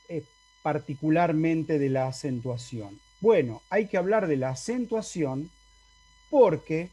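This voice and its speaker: With a mellow voice on the high side, a man with an Argentine Spanish accent teaches university Latin online via video call. His style is explanatory, and he frequently seeks confirmation from the class.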